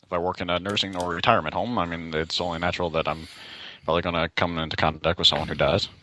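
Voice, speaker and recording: A man's voice: deep voice, steady tone, quick pace, bright, forceful tone, a little hiss or hum. A young man co-hosting a casual podcast over an online call, blunt and swearing freely. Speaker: podcast co-host. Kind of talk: casual chat.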